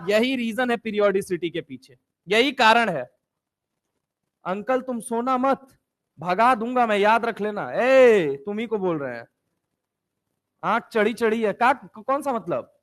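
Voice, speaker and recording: A young man teaching chemistry in a lively classroom lecture, firing repeated questions and teasing his students. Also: high-pitched, unhurried, long pauses. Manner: repetitive call-and-response questioning.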